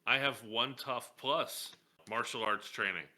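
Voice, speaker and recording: A man playing a tabletop role-playing game in character, wry and deadpan. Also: medium pitch, measured pace. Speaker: player.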